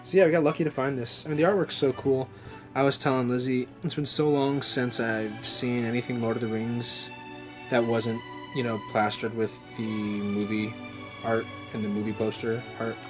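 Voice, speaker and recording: With music clearly audible in the background, a young adult vlog host talks off the cuff while unboxing something. His voice is average in pitch and level in tone at a normal speed, and he rambles with a fan's excitement, doubling back to fix his words.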